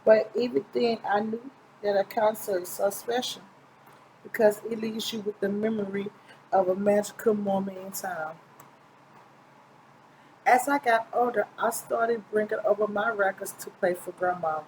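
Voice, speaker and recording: Reading a children's picture book aloud, a middle-aged woman speaks at medium pitch with fairly even intonation, a moderate pace, and a darkish tone. It's an informal storybook narration with occasional stumbles and self-corrections, recorded with poor audio and slight background noise while she sits near the camera in a small room.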